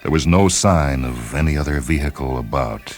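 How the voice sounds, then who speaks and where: Faint music runs beneath a male storyteller as he reads scripted dramatic narration at a moderate pace. His voice is exceptionally deep, down in the bottom register.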